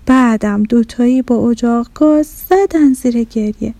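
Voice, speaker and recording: Mellow woman telling a children's story. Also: on the high side, no room sound. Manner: expressive, animated storytelling.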